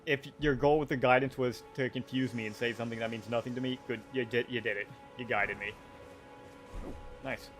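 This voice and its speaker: A man chats casually as he streams a video game, thinking aloud and cracking jokes. His pitch sits in the ordinary middle range. Faint music plays in the background. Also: steady tone, a little fast. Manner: chatty, self-talking, joking. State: hiccuping.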